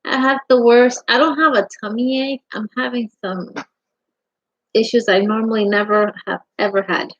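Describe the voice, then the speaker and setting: A woman's voice: a little high, fairly even intonation, moderate pace. A middle-aged woman hosting a casual livestream from her home craft room, chatting affectionately and greeting viewers as honey. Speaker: livestream host. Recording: dull lo-fi livestream audio.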